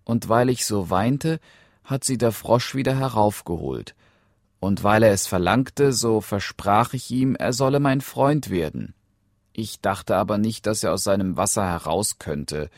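A man's voice: fairly low pitch, a little slow, no room sound, clean studio sound, voice pushed up. A man voicing a spoiled young princess in a fairy tale, in a raised, whiny voice. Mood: anxious.

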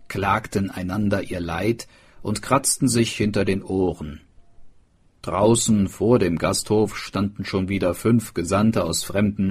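A man reading a storybook aloud, slowly and expressively. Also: low-pitched, husky. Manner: slow, lively, expressive reading. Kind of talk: scripted storybook narration.

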